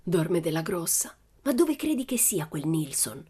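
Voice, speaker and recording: A woman voicing a rough, dark-haired male burglar who speaks in a slow, hushed, wheedling way. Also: fairly low pitch, sing-song, full character voice. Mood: hushed menace.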